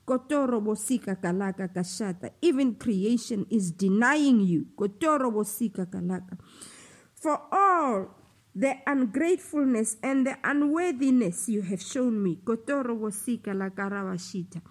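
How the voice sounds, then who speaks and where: A woman delivering a slow, solemn prophetic utterance, with passages of speaking in tongues between declamatory lines. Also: a little high, animated. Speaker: prophetic preacher.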